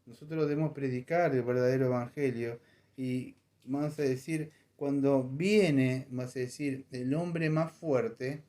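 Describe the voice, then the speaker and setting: A man preaching a conversational sermon in a church, animated and acting out voices in his stories. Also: medium pitch. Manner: animated, acts out voices in anecdotes. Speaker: pastor.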